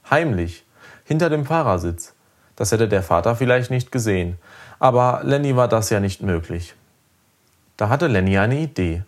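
A man narrating a children's story aloud in a lively, expressive way. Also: fairly low pitch. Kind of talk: audiobook storytelling.

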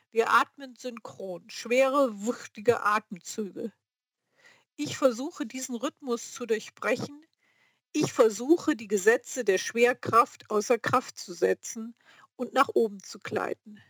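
A woman reads a novel aloud in the first person, taking her time over each phrase. Her voice sits a little high. The recording is close and dry, with no room sound. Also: no room sound. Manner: slow, measured reading. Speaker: audiobook narrator. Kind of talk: scripted first-person narration.

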